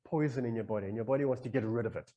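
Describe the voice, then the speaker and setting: A man in a casual podcast conversation, telling a long story in a rambling, animated way and acting out his own inner voice as he goes. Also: mid-range voice, rapid-fire, dull audio.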